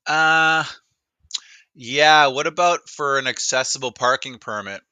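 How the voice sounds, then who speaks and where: A man from the greater Toronto area in Canada presents a product demo in the role of a caller, giving a casual, unscripted demonstration where he often breaks off and repeats words. His voice is medium-pitched, unhurried, clear, resonant, and sharp in tone, with no echo.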